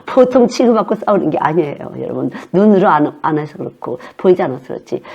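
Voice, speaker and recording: Earnest woman preaching, dark lo-fi sound. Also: medium pitch. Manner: earnest, emphatic preaching with sudden soft drops and whispered asides; acts out prayers in first person. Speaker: children's missionary preacher. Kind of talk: sermon.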